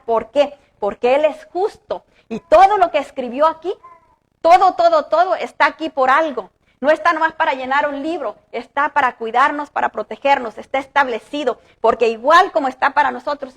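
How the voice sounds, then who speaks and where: High-voiced woman pastor preaching earnestly. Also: gravelly. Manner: earnest, rises with emphasis, slows to read scripture. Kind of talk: sermon. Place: church.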